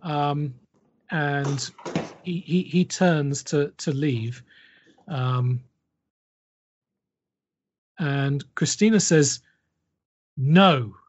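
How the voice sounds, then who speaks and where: Slow, husky game master, man. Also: fairly high pitch, a little mellow, dull audio. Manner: halting, full of repeated words and fillers. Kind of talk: narrating a tabletop horror game.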